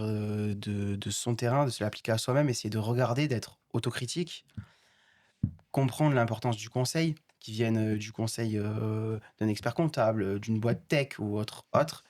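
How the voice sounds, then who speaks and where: Man moderator, mid-pitched, brisk summary of the talk. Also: a little mellow. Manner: brief, wraps up and summarizes.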